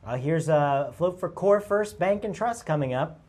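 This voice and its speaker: A man calls a street parade live from a local TV studio. His voice is husky and lively, swinging up and down, upbeat and playful as he chats with his co-host. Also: a little high, moderate pace.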